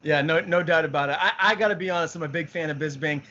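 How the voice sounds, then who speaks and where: A man's voice: fairly high pitch, quick pace, bright, forceful tone. A man co-hosting a sports podcast, talking casually and with enthusiasm, often repeating words as he thinks. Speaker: podcast co-host. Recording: muffled lo-fi audio.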